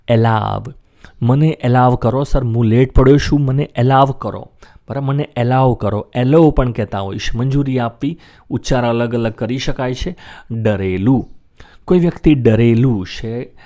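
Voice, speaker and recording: A man teaching English vocabulary in his native Gujarati, saying each word slowly several times and asking listeners to repeat after him. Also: medium pitch, a little mellow.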